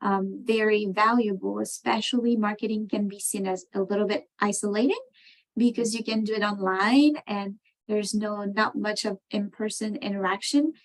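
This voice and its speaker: A woman from France, answering interview questions on a video call, talking thoughtfully with many pauses and fillers. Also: medium pitch, steady tone, rough recording. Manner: thoughtful, many ums and you knows. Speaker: program participant.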